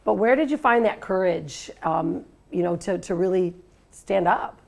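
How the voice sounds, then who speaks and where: A woman's voice: on the low side, measured pace, creaky. A middle-aged woman hosting an interview, asking questions in an enthusiastic, affirming way. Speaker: host. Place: studio set with armchair.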